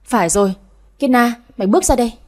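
A woman's voice: on the high side, close to an everyday voice. A woman playing a harsh scolding mistress. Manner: scolding, harsh, rapid-fire. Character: quick-tempered older mistress of house.

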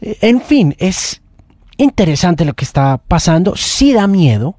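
A man hosts a morning radio chat, thinking out loud in long reflective stretches. His voice is mellow and sits a bit high. The studio sound is dry and close. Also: very animated, a little slow, dry recording. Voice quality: talks in long, reflective runs with restarts. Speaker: radio host.

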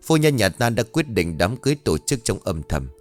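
A sly, menacing steward of a wealthy clan, as a man voices him in a storybook reading. He talks down with cold contempt, his threats lively and rising and falling. The recording is dry with soft music behind. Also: fairly low pitch, brisk, no room sound. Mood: haughty.

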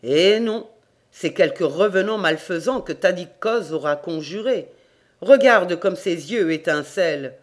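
An audiobook reader voicing a stern older country priest, reading his lines in a measured, admonishing way. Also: medium pitch, expressive, natural voice.

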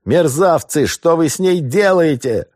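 A man's voice: low-pitched, animated, normal speed, a little mellow, dry recording, clean studio sound. A man voicing a proud older tsarist general who speaks in a stiff, dignified way, in an audiobook. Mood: alarmed.

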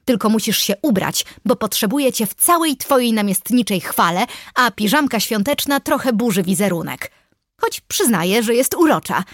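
A woman's voice: mid-range voice, expressive, normal speed, breathy edge. A woman reading an audiobook, voicing a bubbly, pushy young woman friend who chatters on. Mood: teasing. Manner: chirpy, chattering.

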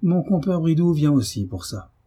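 A man's voice: on the high side, animated, normal speed, breathy edge, pitched above the performer's own voice. A man voicing a brutish, hot-tempered middle-aged landowner who blusters and curses, in an audiobook. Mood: furious. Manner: blustering, cursing, shouting. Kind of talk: audiobook character reading.

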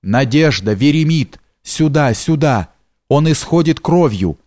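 A man's voice: a little high, expressive, measured pace, darkish tone, no room sound, clean studio sound. A man voicing a loyal young male hero in an audiobook, crying out with passion. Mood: urgent.

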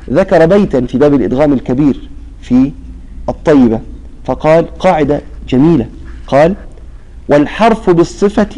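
A man teaching recitation rules in a lesson. He prompts his students with half-finished questions and stretches out example words slowly. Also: on the high side, warm tone, low-quality recording.

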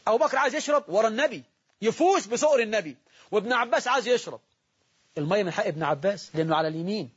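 An Egyptian man delivers an impassioned sermon in a fairly high voice. His voice is husky and moves from soft to loud as he tells stories. The recording sounds dull and muffled. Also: expressive, rapid-fire. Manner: impassioned storytelling, shifts between loud and soft. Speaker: preacher.

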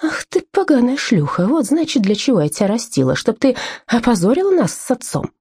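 A woman's voice: fairly high pitch, very animated, fairly quick, dark tone, no echo, clean studio sound, pitched above the performer's own voice, heavily acted. Woman voicing a coarse, scheming mother. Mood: furious. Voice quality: rough, crude and scolding. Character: coarse, scheming working-class mother, middle-aged. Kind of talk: audiobook character voice.

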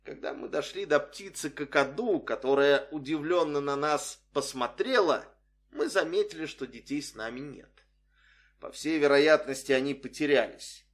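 Wry male storyteller with lively intonation. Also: a little high, normal speed. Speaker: audiobook reader. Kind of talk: scripted narration of a humorous story.

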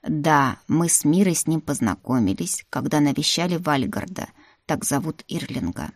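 Brief: a woman reading as a composed older-brother rector, deep, measured, dry-spoken, storybook reading. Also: animated, breathy edge, no room sound, heavily acted. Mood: calm. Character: calm male rector, the heroine's older brother.

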